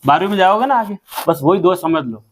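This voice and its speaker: A man with a high voice takes a class through a maths problem step by step. He keeps asking his pupils questions and then answers each one himself. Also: lively intonation, fairly quick, slight background noise. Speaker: maths teacher.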